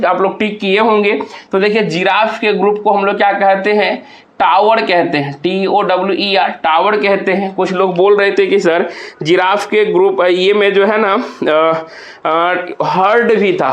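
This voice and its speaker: A male teacher with a high voice explains exam answers one by one, asking himself questions before giving each answer. He is recorded in a roomy space with noticeable echo. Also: muffled recording. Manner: explains step by step with repeated rhetorical questions. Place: hot room with a towel in use.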